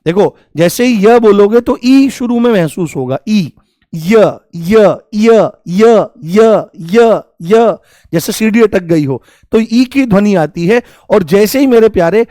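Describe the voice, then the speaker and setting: High-voiced male teacher, dry sound. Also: darkish tone, dry recording. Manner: repeats key points and quizzes students with questions; addresses students affectionately and drills pronunciation aloud. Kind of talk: live online exam-prep class.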